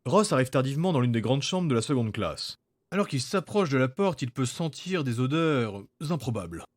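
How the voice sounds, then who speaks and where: A man's voice: mid-range voice, expressive, normal speed, no room sound. A man reading scripted narration for a fantasy audio story.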